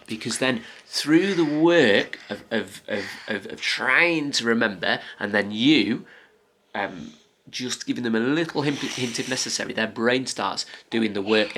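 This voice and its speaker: Bright-voiced man teaching a toddler phonics. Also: mid-range voice, slight background noise. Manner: coaxing, simple questions and praise to a small child. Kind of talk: playful teaching talk to a toddler, with asides to viewers.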